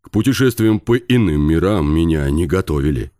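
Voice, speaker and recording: A man reading a novel aloud, voicing a calm, grave priest who speaks in a measured, solemn way. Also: deep voice, dry recording, studio quality, pitched below the performer's own voice.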